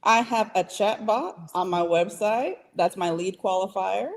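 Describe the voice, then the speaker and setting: A woman business consultant of Puerto Rican heritage from the US Northeast offers advice in a casual podcast chat. Her medium-pitched voice is unhurried, and she's emphatic, repeating points to stress them.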